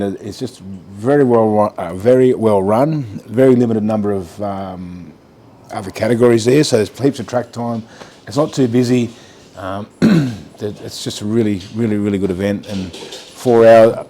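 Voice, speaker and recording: A man's voice: fairly low pitch, dark tone. A man co-hosting a casual chat, easygoing and chatty, swearing now and then. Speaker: co-host.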